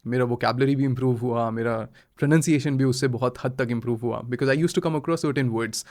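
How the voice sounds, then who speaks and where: A man's voice: medium pitch, moderate pace, a little mellow. A man in his thirties, a language trainer, talking in a podcast interview, mixing Hindi and English and laughing often. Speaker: IELTS trainer guest.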